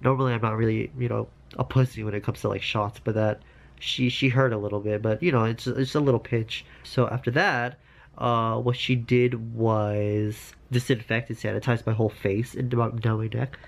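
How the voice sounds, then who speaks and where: A man's voice: mid-range voice, steady tone, moderate pace, vocal fry. A man chatting casually to camera as a vlogger, congested from nose surgery, with playful, campy asides. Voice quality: congested, blocked-nose sound after nose surgery.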